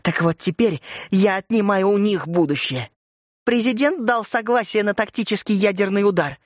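A man voicing a cold, vengeful middle-aged widow in an audiobook, calm and then shrill and hissing. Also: normal speed, no echo, clean studio sound, lightly acted. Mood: bitter. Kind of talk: audiobook character voice.

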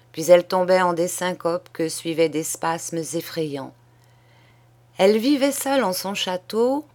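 A woman reading a short story aloud in a measured, deliberate audiobook style. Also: on the low side, a little mellow. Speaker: reader.

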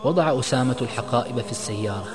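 An earnest male narrator telling a dramatic story, his voice at a medium pitch and rising with feeling. The recording is soaked in a long, hall-like reverb. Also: racing, a crowd in the background.

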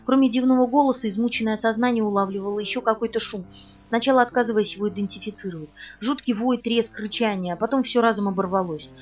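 Female audiobook narrator, quick and dramatic, faint music underneath. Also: a little high, recorded from a distance, lo-fi sound. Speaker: audiobook reader. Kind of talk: audiobook narration in first person.

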